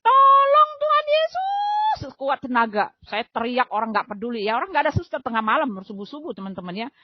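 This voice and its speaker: A woman's voice: fairly high pitch, quick pace, no room sound. A middle-aged woman giving an earnest, emotional personal faith testimony, talking to her friends with many casual fillers. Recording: dull, dry lo-fi audio.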